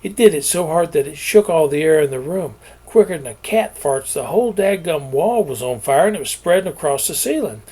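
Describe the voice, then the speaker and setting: A man's voice: on the high side, expressive, brisk, few pauses, dark tone, slightly rough. A middle-aged man, reading his own novel aloud and telling its backstory in a folksy way. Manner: folksy storytelling with homespun sayings. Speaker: author.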